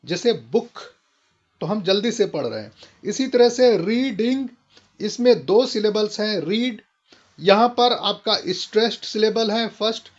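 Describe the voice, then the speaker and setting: A man with a high voice explains a grammar point as a video lesson. He reads each definition slowly and carefully before going back to his usual explaining pace. The recording sounds dull and lo-fi. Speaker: English teacher.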